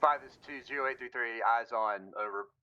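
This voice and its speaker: A man's voice: medium pitch, normal speed, highs cut off, over a noisy crowd. A man making terse, procedural radio calls over a walkie talkie in a military game.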